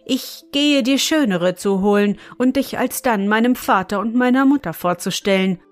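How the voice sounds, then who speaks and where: A woman voicing a young prince in a fairy tale, speaking calmly and reassuringly. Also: a little high, moderate pace, soft background music, natural voice. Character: young prince, kind and caring.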